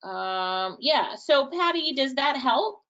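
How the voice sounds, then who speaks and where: This webinar presenter, a woman with a Jamaican accent, speaks in a high-pitched, animated voice that's slow with a sharp tone, and the audio's highs are cut off. Running a live online workshop, she casually fields chat questions, thinks out loud, chats and gives light laughs.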